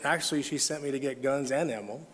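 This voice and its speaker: A man's voice: mid-range voice, fast, heavy background noise. A middle-aged man preaching at a conference, telling stories with humor and reading scripture. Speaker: conference speaker. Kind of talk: sermon. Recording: long hall reverb.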